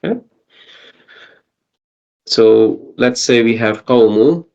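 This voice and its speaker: Slow-talking man teaching Arabic grammar. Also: medium pitch, vocal fry, a little mellow, lo-fi sound. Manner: patient, often asks students questions and checks with "okay?". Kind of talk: online grammar lesson.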